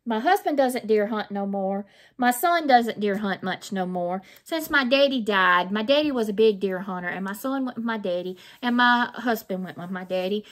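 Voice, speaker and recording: This craft vlogger, a middle-aged Mississippian with a Southern accent, talks at normal speed with medium pitch and lively intonation while unboxing craft items. She rambles in a down-home way and repeats herself. Crinkling plastic and room noise fill the recording from her small, plain indoor space.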